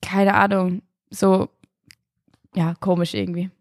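A woman's voice: mid-range voice, flat delivery, slow pace, dry recording, clean studio sound. A young woman in her twenties telling a story in a casual interview at her home, talking in a loose, chatty way with plenty of hesitant fillers. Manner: chatty, filler-heavy retelling with many hesitant "ähm"s. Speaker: guest athlete. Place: her family home, indoors.

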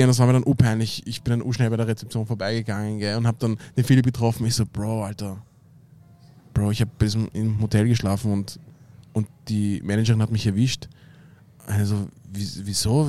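A man's voice: medium pitch, mellow. A young man with an Austrian German accent, rambling through an anecdote in casual slang with lots of fillers. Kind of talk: casual chat.

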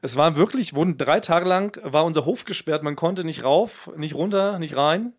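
Man, high voice, casual chat, theatrical, mock-indignant, laughing storyteller. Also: moderate pace. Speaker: podcast co-host.

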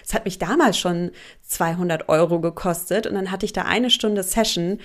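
A woman in her thirties talks through her self-help podcast in a lively, chatty way. She is open and emotional, and she often breaks into laughter. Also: on the low side, normal speed. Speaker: podcast host and coach.

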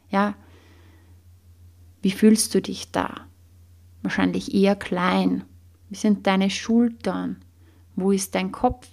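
Woman coach, slow guided exercise, gravelly tone. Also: mid-range voice. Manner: slow, calm guiding questions.

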